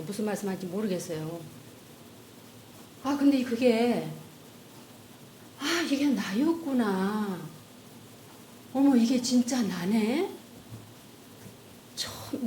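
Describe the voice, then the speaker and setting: A woman's voice: mid-range voice, a little mellow. A woman giving an earnest, emotional personal testimony before a church congregation. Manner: earnest, emotional storytelling, voices her own past thoughts. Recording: echoey church room with faint noise.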